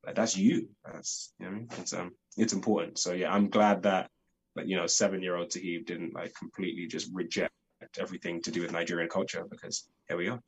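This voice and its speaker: In a casual interview, a young actor with a London accent chats eagerly and fast, peppering his talk with "like". His low voice barely moves in pitch, and the rough recording has a little hiss or hum.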